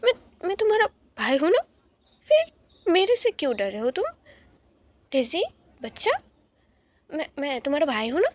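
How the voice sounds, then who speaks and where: A woman voicing a hot-tempered young man who coaxes his little sister in a soft, stammering way. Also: sits high, sing-song, moderate pace, long pauses, no room sound, pitched above the performer's own voice. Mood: coaxing.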